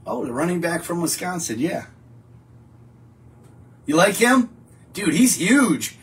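A middle-aged man hosts a casual live stream from a home studio with a wallpaper backdrop, reading and answering viewer comments in a chatty, rambling way with frequent restarts. His voice sits high with big pitch swings, slow and a bit bright, over a little hiss or hum.

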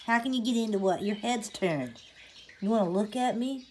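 A woman's voice: on the high side, expressive, normal speed, darkish tone, slight background noise. A woman playfully narrating pony toy play with a child at home, teasing and sing-song.

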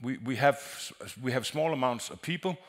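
Here a man with a medium, fairly bright voice is presenting on a conference stage in a large hall. An acoustic designer by trade, he stumbles along and repeats himself while explaining.

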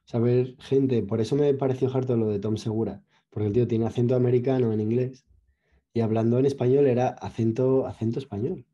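A young man from Spain with a Spain Spanish accent tells stories in an easygoing podcast chat. His voice is deeply mellow and a little husky. It comes through a dull, muffled lo-fi recording. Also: fairly even intonation, brisk. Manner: storytelling, easygoing. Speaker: podcast co-host. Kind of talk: casual chat.

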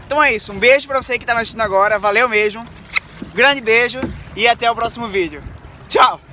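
A young man from Brazil in his twenties, chatting excitedly to viewers in a casual travel vlog, filming himself with a phone held at arm's length on a city waterfront pier. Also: extremely high pitch, fast, crowd noise. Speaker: vlogger.

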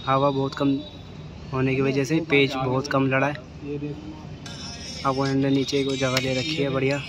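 A young man's medium-pitched voice carries a kite fight commentary at normal speed, steady and flat, as he films on his phone from a city rooftop. A crowd can be heard in the background along with street noise outdoors.

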